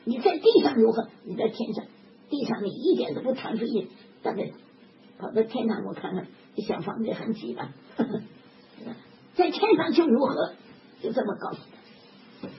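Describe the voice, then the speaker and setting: Older woman, sermon, emphatic, lively pitch, dull lo-fi sound. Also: moderate pace, pauses often. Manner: animated, emphatic, with chuckles. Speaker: preacher. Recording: dull lo-fi recording with background noise.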